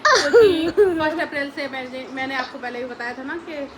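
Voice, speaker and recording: A woman's voice: high-pitched, lively intonation, a little fast, a loud crowd, poor audio. A woman in her thirties chatting casually to camera as a family vlogger, talking to her viewers as friends. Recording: loud background noise.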